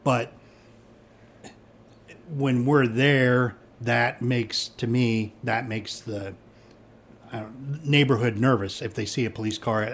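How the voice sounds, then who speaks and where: A man's voice: mid-range voice, creaky, a little hiss or hum. Easygoing middle-aged man, rambling chat. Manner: easygoing, rambling with many fillers and restarts. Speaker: police chief. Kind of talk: casual conversation.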